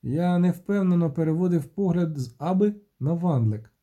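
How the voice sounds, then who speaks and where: Brief: male audiobook narrator, husky and mellow, slightly higher pitch. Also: lively intonation, normal speed.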